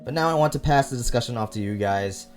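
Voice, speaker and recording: A man's voice: mid-range voice, animated, fast talker, music in the background. A young man hosting a video essay, reading scripted commentary.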